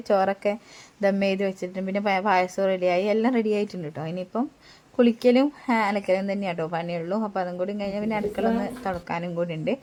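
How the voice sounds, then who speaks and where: A young woman narrating a family vlog in a chatty voice-over, tagging her sentences with a friendly "tto" and pausing on filler sounds. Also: mid-range voice, darkish tone. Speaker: family vlogger.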